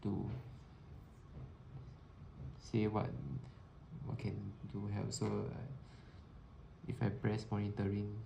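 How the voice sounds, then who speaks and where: A man's voice: lowish voice, completely flat delivery, takes it slowly, gravelly, pauses often, warm tone. A man thinking aloud as a test participant, hesitantly narrating his steps as he tries out an app. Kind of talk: thinking aloud while trying an app prototype. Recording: noisy room recording.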